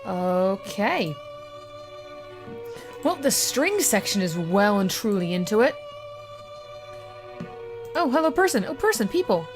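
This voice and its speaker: A woman's voice: mid-range voice, sing-song, takes it slowly, pauses often, music in the background. A young woman giving chatty, sarcastic commentary while playing a video game. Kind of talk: casual let's-play commentary.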